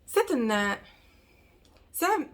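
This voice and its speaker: A woman in her forties with a Québécois accent, giving a casual, rambling review of her month's reading, with self-mocking asides and some soft whispered comments. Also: very high-pitched, very animated, extremely slow. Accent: Québécois French. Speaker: book vlogger.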